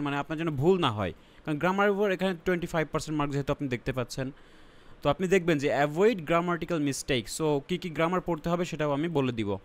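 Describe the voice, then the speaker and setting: Speaking in a slightly high voice, a Bangladeshi-accented IELTS teacher leads an online exam-prep session. He walks through each point step by step, blending in English terms and often confirming that his students keep up.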